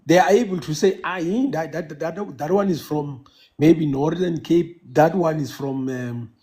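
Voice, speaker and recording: A man from South Africa, Xhosa being his first language, calls in to a casual live chat and speaks haltingly with many restarts and fillers. His voice is fairly high in pitch with a dark tone.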